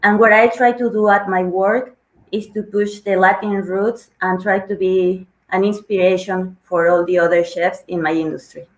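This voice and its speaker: A woman from Mexico, a corporate chef introducing herself in a measured, unhurried way. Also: mid-range voice, flat delivery. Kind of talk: self-introduction on a panel. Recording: echoey room.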